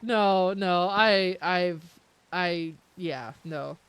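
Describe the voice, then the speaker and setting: A woman's voice: fairly low pitch, extremely slow, smooth, dry recording. A young Canadian woman streaming a game, chatting casually with her viewers in a rambling, self-interrupting way and laughing often. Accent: Canadian, with some British-sounding words. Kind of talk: casual chat with live chat while gaming.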